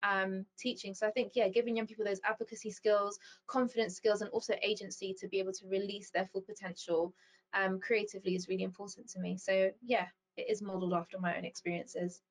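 A woman's voice: mid-range voice, level tone, fast, low-quality recording. A young woman guest speaking about her work in a thoughtful, casual way, with many ums and likes. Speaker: founder and CEO, guest. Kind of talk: casual interview chat.

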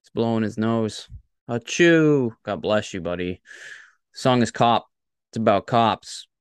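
A man's voice: on the low side, steady tone, a little slow, clear, resonant tone, no echo. A young man co-hosting a casual song-reaction chat, eager and swearing freely, often with short prompting replies. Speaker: podcast co-host.

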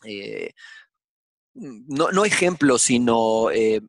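A middle-aged man, talking in a measured, reflective way as a father on a casual podcast. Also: medium pitch, big pitch swings, gravelly, no room sound, studio quality. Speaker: podcast co-host. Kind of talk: casual chat.

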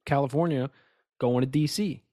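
A man's voice: mid-range voice, moderate pace, mellow, dry recording. Rambling man on a dry podcast mic. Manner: rambling, emphatic, with many restarts and asides. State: has the hiccups. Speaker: podcast co-host. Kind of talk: casual conspiracy chat.

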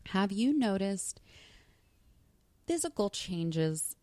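A woman hosting a podcast, interviewing in a conversational way with measured, deliberate phrasing. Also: medium pitch, sing-song, darkish tone, no room sound. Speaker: podcast host.

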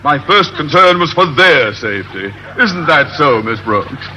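A man's voice: a little high, sing-song, a little slow, heavily acted. An American man playing a pompous, blustering middle-aged captain who is a coward underneath, in old radio sitcom style. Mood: indignant, self-important. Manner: pompous, grandiloquent, theatrical. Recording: noisy old radio broadcast, loud studio audience.

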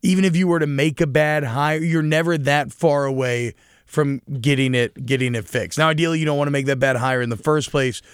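A man's voice: fairly high pitch, steady tone, a little fast, clean tone, no echo, clean studio sound. A man co-hosting a casual sports talk show, chatty and joking. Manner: chatty, joking, rambling with restarts. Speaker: sports podcast co-host.

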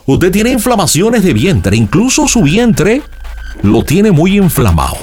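A man's voice: high voice, huge pitch swings, unhurried, darkish tone, slight background noise, full character voice. A man playing a dramatic psychic who reads cards and shells, asking sing-song leading questions. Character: theatrical male psychic reading cards and shells. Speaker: fortune teller on a call-in. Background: background music.

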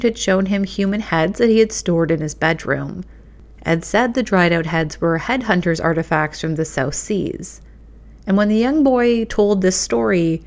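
A woman reading a scripted true crime narration in a measured, suspenseful storytelling manner. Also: medium pitch, darkish tone.

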